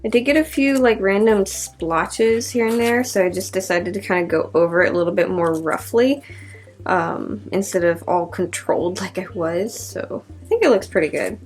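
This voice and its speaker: A woman casually chatting and thinking aloud while she works on art in a vlog, sometimes dropping to a soft whisper, a little sniffly. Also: medium pitch, moderate pace, distant mic, low-quality recording. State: sniffly from allergies. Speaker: artist vlogger. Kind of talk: casual crafting vlog chat. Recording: voice a little off-mic, faint music behind.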